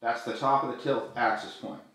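A middle-aged man hosting a gear tutorial, walking through each step in a friendly, clear way. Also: mid-range voice, a little fast, fairly bright tone. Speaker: video tutorial host. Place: small room indoors, echoey. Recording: very echoey room.

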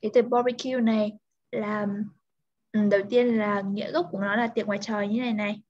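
A woman's voice: medium pitch, level tone, a little fast, a little mellow, lo-fi sound. A woman with a Vietnamese accent tutoring English, patiently explaining words. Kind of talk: online English lesson.

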